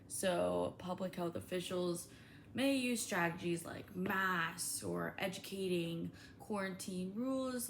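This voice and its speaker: Young woman vlogger with a creaky, lowish voice. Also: slight background noise. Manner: informal, frequent "like" as filler. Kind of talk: casual informational vlog.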